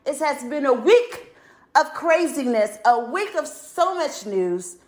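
A woman's voice: high-pitched, sing-song, slow pace. A woman presenting a bubbly, playful sports news roundup and cheering on the home teams.

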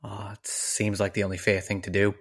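A man voicing a coolly ruthless male hybrid rival for a crown, in an Irish accent, calm and matter-of-fact. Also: lowish voice, a little fast, lightly acted. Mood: politely menacing. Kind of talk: tabletop game character voice.

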